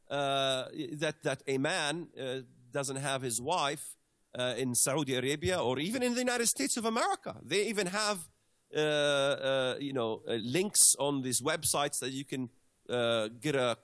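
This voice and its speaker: A man's voice: medium pitch, fairly bright tone. Hesitant man full of filler sounds. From Middle East. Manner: hesitant, many fillers and restarts. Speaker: guest commentator. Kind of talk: conversational explanation.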